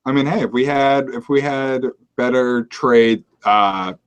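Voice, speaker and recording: A man from Maine co-hosting a casual political talk show. He rants in a joking, sarcastic way. His voice sits at an ordinary middle pitch. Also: unhurried, clean tone. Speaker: podcast co-host.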